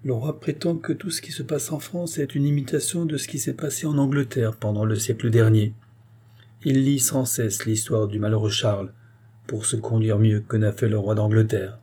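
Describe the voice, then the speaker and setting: A man reading the part of a grieving queen who speaks in a sorrowful, pleading way, with a husky, mellow voice. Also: mid-range voice, fairly even intonation, normal speed. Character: grieving, fearful queen, proud yet despairing.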